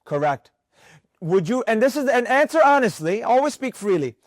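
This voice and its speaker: Trading teacher, high-pitched man, lively classroom delivery, dry sound. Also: moderate pace, no room sound. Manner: animated, questioning the room. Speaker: trading instructor.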